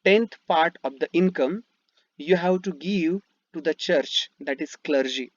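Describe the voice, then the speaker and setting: A man's voice: on the high side, measured pace, no room sound. Man, Indian English accent, classroom history lecture, many fillers and restarts, dry dull lo-fi recording. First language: Marathi. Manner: explains step by step, asks rhetorical questions, frequent fillers and restarts. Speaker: teacher. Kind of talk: slide-based history lesson.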